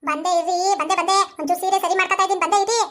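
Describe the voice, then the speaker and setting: A woman voicing a young wife in an animated comedy who talks quickly and anxiously and scolds her husband. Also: extremely high pitch. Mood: flustered. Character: young wife torn between husband and mother.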